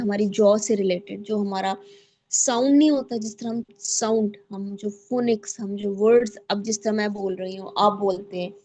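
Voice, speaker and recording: Woman, lecturer, fairly high voice, explanatory, restarts phrases. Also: mellow. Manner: explanatory, repeats and restarts phrases, mixes in English terms. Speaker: guest speaker, child psychologist.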